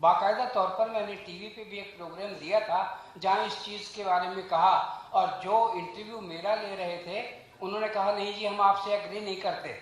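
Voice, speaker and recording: Man, fairly high voice, measured and earnest speech at a launch event, very echoey hall. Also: fairly even intonation. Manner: measured, earnest, rhetorical, recites verse. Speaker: guest speaker at a book launch. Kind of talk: formal speech on language and pronunciation.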